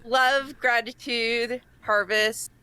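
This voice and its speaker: A woman with a Massachusetts accent, co-hosting a casual podcast and explaining things in a halting, informal way. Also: fairly high pitch, steady tone, bright, forceful tone, clean tone, no echo. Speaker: podcast co-host presenting a segment. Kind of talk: casual chat.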